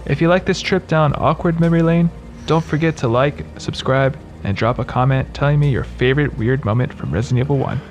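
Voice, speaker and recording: A man's voice: medium pitch, fairly quick, lo-fi sound, faint music behind. Sarcastic male video narrator. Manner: sarcastic, mocking. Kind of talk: scripted humorous commentary.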